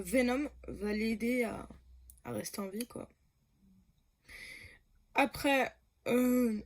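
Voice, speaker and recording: A woman's voice: on the high side, darkish tone. A woman talking casually about comics for her channel, hesitant, with many fillers, self-corrections and frequent laughs. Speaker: comics YouTuber.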